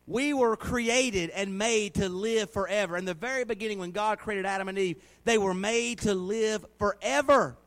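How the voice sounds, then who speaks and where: A man's voice: high-pitched, normal speed, hardly any pauses, fairly bright tone. A middle-aged man preaching a sermon in a folksy, conversational way, asking the congregation questions. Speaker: pastor.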